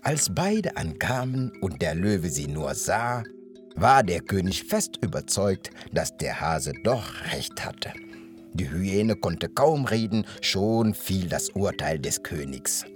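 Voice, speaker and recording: A male storyteller reading a fairy tale aloud, very slow and deliberate. His lowish voice rises and falls expressively. Faint music plays behind him. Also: big pitch swings.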